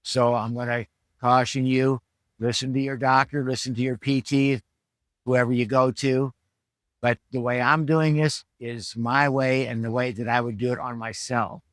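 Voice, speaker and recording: Guy in his 70s doing a casual how-to vlog, plain talker, average pitch, pretty dry sound. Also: level tone, normal speed, dry recording. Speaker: fitness trainer and rehab vlogger. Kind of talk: informal instructional vlog talk. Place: at home.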